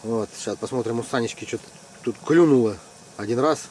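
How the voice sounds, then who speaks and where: Speaking a little fast in a mid-range voice, a middle-aged fishing vlogger keeps up lively, joking commentary while teasing friends during ice fishing in a tent. A faint hiss or hum runs underneath.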